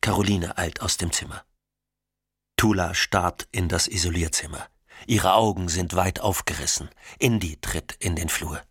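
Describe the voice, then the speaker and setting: A man narrating an audiobook in an expressive way, switching voices for the characters. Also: low voice, unhurried, slightly rough, no room sound, studio quality.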